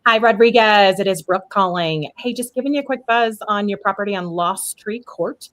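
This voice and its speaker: Lady leaving a quick upbeat voicemail about a house, reads off her callback number. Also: mid-range voice, fairly bright tone. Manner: brisk, upbeat phone message reading out a callback number. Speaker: real estate caller returning seller leads.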